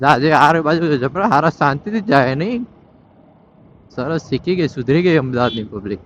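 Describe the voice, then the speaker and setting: A man's voice: a little high, animated, normal speed. A man giving casual running commentary while riding through city traffic, scolding wrong-side drivers and slipping into Hindi phrases. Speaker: vlogger riding a motorbike. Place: on a motorbike in city traffic outdoors. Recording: dull lo-fi audio with faint traffic noise.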